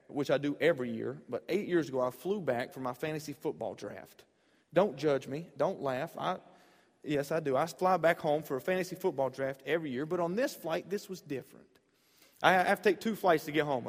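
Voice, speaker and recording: Storytelling young preacher in a reverberant hall. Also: male voice, fairly high pitch. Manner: storytelling, swings from loud to quiet. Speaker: pastor. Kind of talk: sermon. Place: church.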